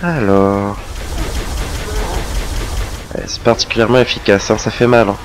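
A man giving casual, chatty commentary over his own gameplay, excitable and quick to mock himself. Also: fairly low pitch, over music. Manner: chatty, self-mocking, excitable. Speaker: let's play gamer.

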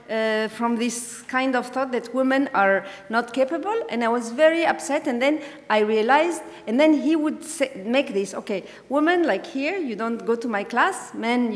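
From a podium in a big, dark hall, a woman artist from Egypt talks through her slides in an unscripted symposium lecture. Her fairly high voice stumbles with many ums and restarts, and the distant mic picks up long, echoing reverb.

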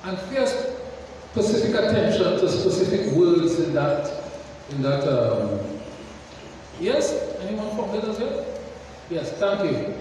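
Slow high-voiced preacher in an echoing church. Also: male voice, big pitch swings, warm tone, slight background noise. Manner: slow, deliberate, asks the congregation questions. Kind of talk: sermon. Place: large church hall. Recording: echoey church hall from far off.

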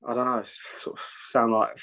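Speaking over a webcam video call from a home room lined with shelves, a man who sings and plays bass in a metal band rambles casually as a guest, swearing often and restarting his sentences. His mid-range voice is level in tone, fairly quick, creaky and slightly bright.

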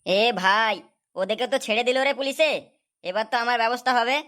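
A woman's voice: fairly high pitch, a little fast, a bit bright, lightly acted. A woman voicing an anxious young man, a farmer's son, in a cartoon. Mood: worried. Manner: anxious and complaining.

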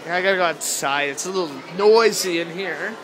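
Narrating his stroll through a zoo light show after dark, a young vlogger speaks a bit quickly in a high-sitting voice, rambling and laughing easily. The clip comes from a handheld camera, and its crowded outdoor audio is noisy with chatter and outdoor sounds.

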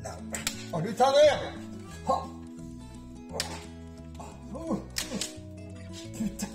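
In a casual home DIY vlog, a man speaks in an extremely high, animated voice, drawing out his words over loud music. He jokes playfully with his viewers, hums and sings snippets, and puts on a southern French accent.

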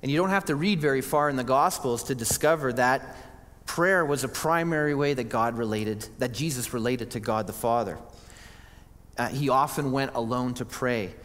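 A man's voice: mid-range voice, moderate pace, a bit bright. A male pastor preaching a sermon in an earnest, conversational way, often restarting his sentences. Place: church sanctuary. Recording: church hall reverb.

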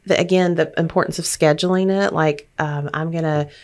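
A woman's voice: deep voice, steady tone, brisk. A woman talking as a grief counselor and podcast host, explaining things supportively in a conversational discussion.

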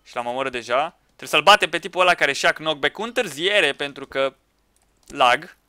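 Guy yelling at his team in minecraft, crisp clear voice, keyboard clacking. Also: a little high, no room sound, clean studio sound. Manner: excitable, shouting at teammates, laughing. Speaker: gaming YouTuber. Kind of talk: Minecraft let's play commentary with friends.

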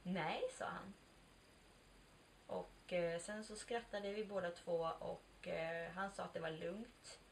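A woman's voice: on the low side, steady tone, vocal fry. Candid young woman telling a story. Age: 20s. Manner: chatty and candid, swears, acts out quoted dialogue. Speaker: vlogger. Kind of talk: casual confessional storytelling. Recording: distant mic with faint background noise.

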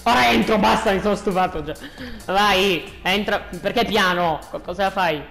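A gaming host giving casual, joking commentary, excitable and repeating phrases. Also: mid-range voice, moderate pace, gravelly, faint music behind.

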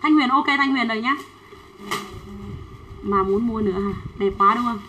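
A woman selling children's clothes on a livestream, chatting quickly and reading out sizes and buyers' names. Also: fairly high pitch, bright, forceful tone, reverberant, slight background noise, rough recording. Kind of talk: fast livestream sales pitch.

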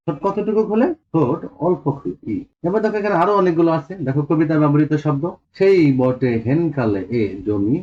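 A male teacher with a Bangladeshi accent walks students through a textbook lesson at a quick clip. He explains step by step and keeps prompting them to look. The recording is dull and lo-fi. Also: medium pitch. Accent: Bangladeshi Bengali.

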